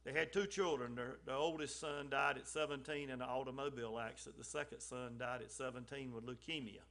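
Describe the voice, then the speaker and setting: A creaky, fairly bright mid-range voice, steady in tone and fairly quick, belongs to a lay speaker giving a church message. He sounds informal and folksy, often umming and restarting, and lifts his emphasis on the main points.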